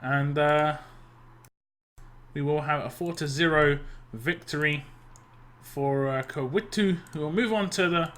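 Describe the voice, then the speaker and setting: A weary esports caster with a fairly high, fairly bright voice covers a video game match live. His voice is fading, and he keeps using fillers and swiftly correcting himself.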